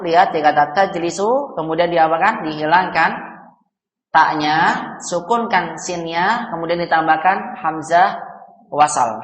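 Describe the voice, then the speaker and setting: A man's voice: fairly high pitch, fairly bright tone. A man teaching an Arabic grammar class, patiently drilling students with questions and having them answer back. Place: mosque hall. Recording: roomy hall with long reverb.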